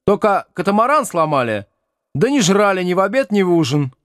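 Guy putting on a bossy loudmouth teen girl, high voice, blurts stuff out. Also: big pitch swings, a little fast, no echo, studio quality. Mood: brash. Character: pushy chatty teenage girl, blunt and bossy.

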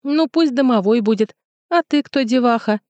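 A woman voicing a grumpy, scolding little furry male house spirit for an audiobook, gruff and sarcastic. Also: a little high, moderate pace, a little mellow, no echo, muffled recording, voice pushed up, close to an everyday voice. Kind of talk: audiobook character voice.

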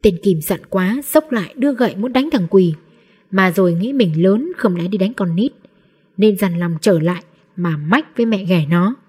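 A woman narrating a novel aloud in a steady, measured storybook reading. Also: medium pitch, husky. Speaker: audiobook narrator.

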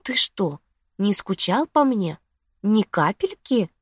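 Женщина-чтица озвучивает игривую, влюблённую молодую женщину, мягко и с придыханием. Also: female voice, mid-range voice, very animated, slow pace, slightly rough, no echo, pitched above the performer's own voice, heavily acted. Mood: flirty.

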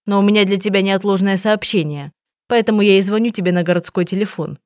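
A woman's voice: mid-range voice, fast talker, darkish tone, no echo, clean studio sound, lightly acted. A woman reading an audiobook, voicing an eccentric, theatrical aunt who is a writer, in a plaintive, dramatic manner.

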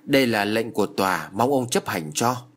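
A man voicing a stern middle-aged male court bailiff who reads out orders formally, in a husky voice. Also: fairly low pitch, lively intonation, normal speed. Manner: formal, pompous reading of orders.

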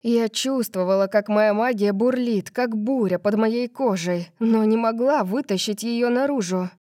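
A woman narrating a first-person fantasy audiobook in a steady, measured way. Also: fairly high pitch, dry recording, clean studio sound.

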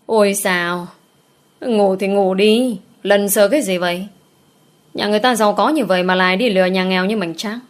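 A blunt older husband from a village tale, scolding and gruff, as a woman reading the story puts him on. He speaks at an ordinary middle pitch for the reader. The delivery stays plain, as in a read-aloud storybook. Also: normal speed, natural voice. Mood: grumbling.

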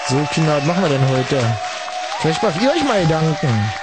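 A man's voice: fairly high pitch, very animated, brisk, loud music behind the voice, a loud crowd. A man hosting a late-night call-in radio show, rambling ironically and chatting with callers. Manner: rambling, ironic, addresses listeners as kids. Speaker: radio host.

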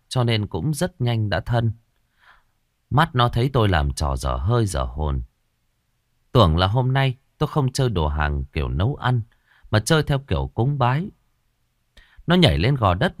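A man narrating a horror story in a dramatic, expressive way. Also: medium pitch, no echo, studio quality.

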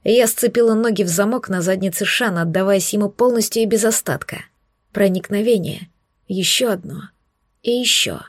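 A woman narrates a first-person romance audiobook in a soft, hushed, intimate voice. Her pitch sits in a plain middle range. The recording is dry and close, with no room sound. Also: moderate pace, no echo.

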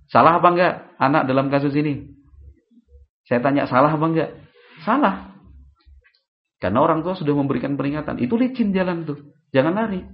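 An Islamic preacher delivers a religious study lecture in a somewhat high voice, speaking with energy and posing rhetorical questions to his audience. The recording sounds lo-fi.

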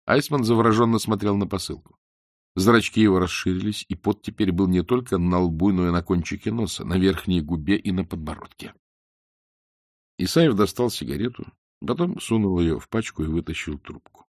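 Deep-voiced male audiobook narrator. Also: moderate pace, no room sound, studio quality. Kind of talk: scripted narration.

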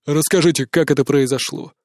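A man reading an audiobook, voicing a stern male investigator who asks slow, pressing questions. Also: on the high side, fairly even intonation, darkish tone, dry recording, clean studio sound, natural voice. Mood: probing.

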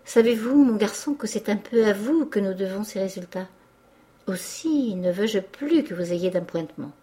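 A woman voicing a shrewd, exuberant old male cloth merchant who talks in a hearty, animated, lecturing way. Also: medium pitch, moderate pace, lightly acted.

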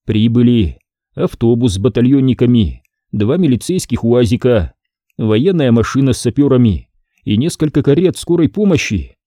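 A man reads a first-person detective story with wry, lively storytelling. His voice is dark and mellow and moves freely in pitch. The recording is close and dry. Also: normal speed, no echo. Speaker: audiobook narrator. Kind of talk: scripted narration.

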